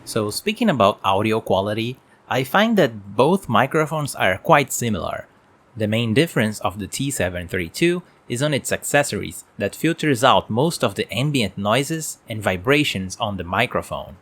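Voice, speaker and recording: A man's voice: fairly low pitch, sing-song, moderate pace, a bit bright. A man giving a plain, explanatory product review at his home work desk, speaking into a desk mic on an arm. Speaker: tech reviewer.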